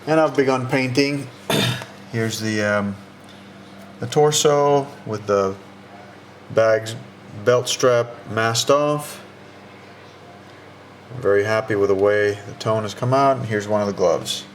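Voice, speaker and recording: A man who builds models, narrating his build progress in a relaxed, unhurried way and pausing often with "uh". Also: on the low side, slight background noise. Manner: relaxed, unhurried, pauses with frequent "uh".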